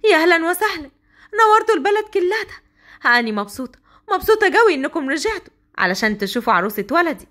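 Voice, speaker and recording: Woman doing a loud, proud mother-in-law. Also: very high-pitched, very animated, racing, voice pushed up, full character voice. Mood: effusive. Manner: loud, effusive welcome. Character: proud middle-aged mother-in-law, hospitable.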